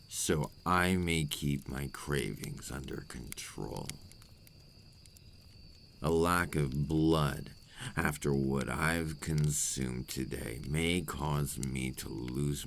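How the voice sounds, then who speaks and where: A man with a rumbling low, creaky voice plays a possessive, remorseful vampire captor in an intimate ASMR roleplay monologue, using formal, old-fashioned phrasing. There's slight background noise.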